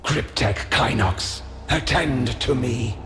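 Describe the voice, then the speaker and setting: An actor voicing an ancient female robot warrior guardian in a game, speaking slowly and gravely through a metallic robot voice filter, with echo and music behind. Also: medium pitch, noisy background. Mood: commanding. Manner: slow, grave, commanding. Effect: robot voice filter, metallic and echoing.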